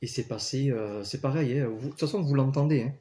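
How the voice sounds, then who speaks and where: A man's voice: medium pitch, a little fast, dark tone. A man casually telling personal stories, earnest, with many fillers and restarts. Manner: earnest, storytelling. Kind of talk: casual spoken testimony.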